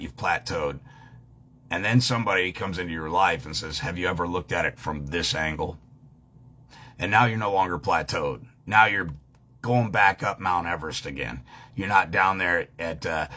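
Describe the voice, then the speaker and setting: A man's voice: low voice, moderate pace, bright, forceful tone. A man giving a heated, profane monologue, swearing freely and hammering his points home. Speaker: online commentator.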